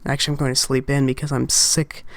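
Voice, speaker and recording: A young woman YouTuber with a bass voice talks fast with little pitch movement, recorded close on a desk mic at home with no room sound. In her casual game-theory vlog, she rambles and seems distracted, often breaking off and restarting.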